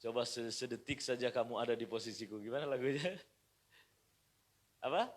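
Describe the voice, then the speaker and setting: A middle-aged man from Indonesia preaching a sermon as pastor at home, moving from quiet asides to shouted praise. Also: mid-range voice, a little fast. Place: pastor's house.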